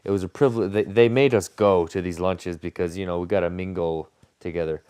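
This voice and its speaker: Young guy, deep smooth voice, sarcastic ranty storytelling, dry close mic. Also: fairly even intonation, fairly quick, warm tone, dry recording. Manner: sarcastic ranting, mocks bosses in put-on pompous voices. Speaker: podcaster telling a work story. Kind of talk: casual storytelling monologue.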